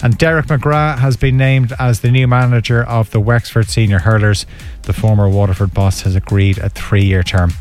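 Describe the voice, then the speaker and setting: A man's voice: lowish voice, fairly even intonation, moderate pace, a little mellow. Irish male sports newsreader over faint music. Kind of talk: scripted sports bulletin.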